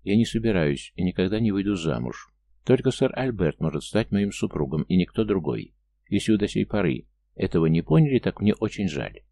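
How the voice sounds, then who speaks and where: A man's voice: low-pitched, big pitch swings, fairly quick, vocal fry, mellow, heavily acted. A man reading a defiant young woman. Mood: defiant, insistent. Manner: insistent, defiant. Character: stubborn young woman, waiting for her lost fiancé. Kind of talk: audiobook character reading.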